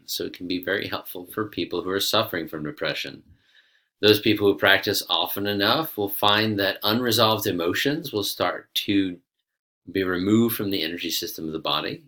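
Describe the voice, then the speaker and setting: Guy teaching yoga breathwork, really deep voice but bright and clear-cut, measured explainer style. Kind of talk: instructional explanation with guided counting.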